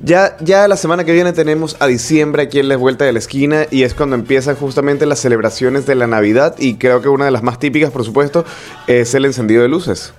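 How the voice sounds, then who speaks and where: A man's voice: medium pitch, fairly quick. A man giving an informative report as a contributor on a radio show. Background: music bed.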